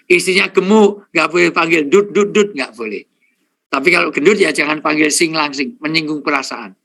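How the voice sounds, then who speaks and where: Gravelly bright-voiced joking male preacher. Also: fairly high pitch, normal speed. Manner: jokey, addresses the audience directly, counts off points. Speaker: Islamic preacher. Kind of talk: humorous sermon to a live audience.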